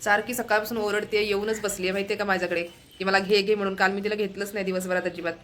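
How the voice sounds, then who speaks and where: A woman's voice: medium pitch, little pitch movement, very fast, fairly bright tone, a little hiss or hum. A woman chatting casually through a family home vlog, keeping her viewers pointed at what she is doing. She films with a handheld phone camera while moving around the house. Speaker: family vlogger. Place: home, indoors.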